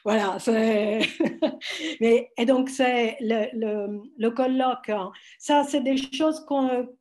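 A woman with an Italian accent lectures over a video call, her voice pitched a little high yet soft and mellow. She talks in halting stretches, full of fillers and restarts as she gathers her thoughts. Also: fairly even intonation. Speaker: conference speaker.

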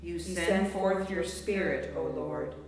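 A man leading a repeated psalm refrain at a church service, with a measured, chant-like delivery and a cathedral echo. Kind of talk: church liturgy. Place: large church. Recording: booming cathedral echo with faint noise.

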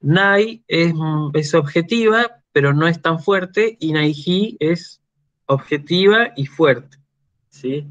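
Argentine male lecturer, middle-aged, unhurried and somewhat high-pitched, dull lo-fi class recording. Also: fairly bright tone. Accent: Argentine Spanish. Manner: slow explanatory delivery with frequent "¿sí?" checks. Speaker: university lecturer.

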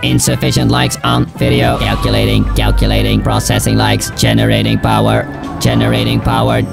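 A man's voice: fairly low pitch, moderate pace, vocal fry, voice pushed down. A man voicing a cold robotic machine, announcing errors in clipped, repetitive computer-processing lines. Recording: loud game music behind voice.

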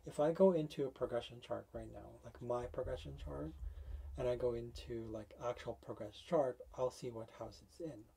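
In a small indoor room lined with foam panels, a man in his forties hosts an astrology video, chatting casually to camera and restarting as he thinks aloud through sums. His mid-range voice is gravelly and warm with a breathy edge, at a normal speed.

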